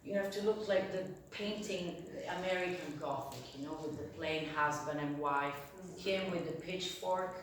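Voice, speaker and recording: A woman doing a bawdy stand-up routine, telling a story with lively sound effects and acted-out voices. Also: low voice, normal speed, far from the mic, a little hiss or hum. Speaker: stand-up comedian. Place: comedy club stage. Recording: echoey room, mic from afar, audience. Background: audience.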